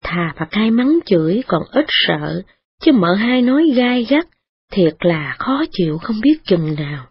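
A woman reading a story aloud in a steady, expressive way. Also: medium pitch, a little slow, breathy edge, dry recording. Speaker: narrator. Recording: dull lo-fi recording with faint music.

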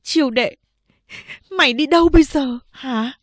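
A woman's voice: high voice, moderate pace, no room sound, clean studio sound, pitched above the performer's own voice, natural voice. A woman voicing a frightened, stern mother who speaks sharply and anxiously in an audiobook.

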